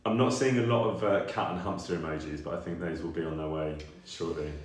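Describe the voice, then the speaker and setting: A man's voice: low-pitched, steady tone, fast talker. A man co-hosting a live stream, laughing often and thanking viewers, his voice ringing in a big hall echo. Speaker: streamer co-host. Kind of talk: casual live stream chat. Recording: very echoey room.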